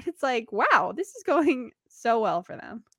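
A woman's voice: on the high side, sing-song, measured pace, bright, forceful tone, slightly rough, dry recording, studio quality. A woman co-hosting a casual podcast, animatedly retelling TV scenes and laughing often. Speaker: podcast co-host. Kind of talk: casual TV recap chat.

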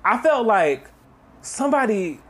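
A man's voice: sits high, very animated, unhurried, breathy edge. A man co-hosting a podcast in casual chat, swearing freely and mimicking people in exaggerated tones. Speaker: podcast co-host.

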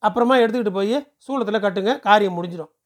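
A man voicing a pushy, smooth-talking male temple ticket seller who lectures briskly and persuasively. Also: high-pitched, natural voice. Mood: brisk lecturing.

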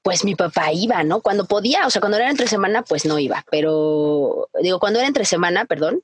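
A woman's voice: lowish voice, brisk, a little hiss or hum. A young Mexican woman co-hosting a chatty podcast, telling a story and acting out other people's voices. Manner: animated, acts out her dad's shouting, many fillers. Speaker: podcast co-host. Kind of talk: casual storytelling chat.

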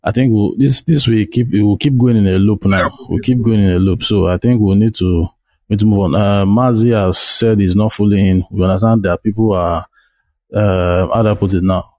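Man hosting a group chat, mellow dark voice, dry close sound. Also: fairly low pitch, fairly quick, no echo. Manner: hesitant, searching for words. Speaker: moderator. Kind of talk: moderating a discussion.

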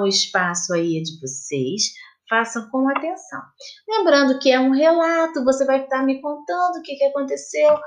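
A woman teacher from Brazil with a Brazilian Portuguese accent, giving a recorded lesson to children in a slow, patient, sing-song questioning way. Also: sits high. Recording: echoey room.

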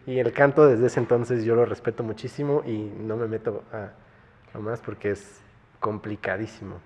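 A man's voice: lowish voice, little pitch movement, moderate pace, darkish tone. A man hosting a casual chat, chatty, laughing, and acting out conversations he tells about. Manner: chatty, laughing, acts out exchanges with his teacher. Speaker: host. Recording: dull sound with long reverb.

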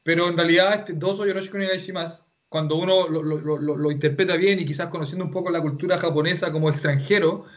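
A Chilean-accented man teaches an online class, explaining at length and often restarting his sentences. His voice sits a little high. The audio is dull and lo-fi. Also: steady tone, fast talker, hardly any pauses. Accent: Chilean Spanish. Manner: explanatory, rambling, with many restarts and fillers.

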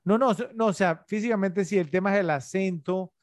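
A man with a slightly high voice co-hosts a casual film podcast. He is opinionated and keeps asking his co-hosts for their take. The recording is close and dry, with no room sound. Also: a little fast, no echo. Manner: opinionated, questions the others. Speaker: podcast co-host.

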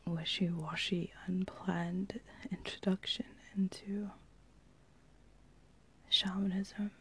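A woman's voice: fairly low pitch, little pitch movement, slow, breathy edge. A young woman, talking casually in a whispered ASMR voice, rambling with lots of fillers. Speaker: channel host.

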